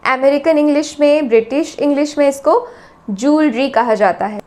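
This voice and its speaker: A woman with an Indian accent teaching English pronunciation, repeating each word slowly and drawing out its syllables. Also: high-pitched, a little mellow. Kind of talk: slow, deliberate pronunciation lesson.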